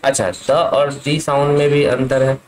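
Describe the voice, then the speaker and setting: A man's voice: mid-range voice, flat delivery, moderate pace, noisy background. A man teaching an English grammar lesson, asking his class questions and answering them himself. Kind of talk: classroom lesson explaining at a board.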